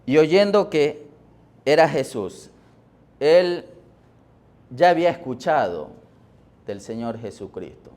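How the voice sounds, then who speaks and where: A man preaching a sermon as pastor, deliberate, with pauses and fillers, rising in force on key words. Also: on the high side, lively intonation, darkish tone. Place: church.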